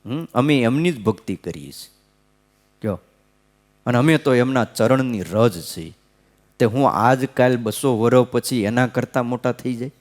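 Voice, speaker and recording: A man's voice: medium pitch, animated, measured pace, a little mellow. A man, a swami giving a devotional scripture discourse, talking conversationally, checking in with his listeners and chanting verses. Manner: conversational preaching, frequent "hm?" checks, sing-song verse chanting. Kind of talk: devotional katha sermon. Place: gurukul temple hall.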